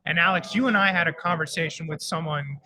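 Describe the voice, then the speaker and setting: A man co-hosts a live radio show from a conference floor, chatting casually in an upbeat way. His voice is on the high side and he talks fast, with crowd noise around him.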